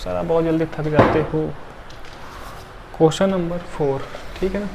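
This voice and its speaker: A tired man teaches chemistry in a fairly high voice. He works step by step, counting aloud and checking in with the class often. A faint hiss sits under the recording. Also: steady tone, normal speed, creaky, a little mellow. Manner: counts atoms aloud, frequent checking tags. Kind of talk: classroom lecture.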